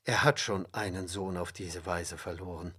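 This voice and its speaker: A man reading aloud, voicing a humble adult brother pleading softly before a ruler in a storybook. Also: sits low, fairly even intonation, moderate pace, breathy edge, voice pushed down, exaggerated voice.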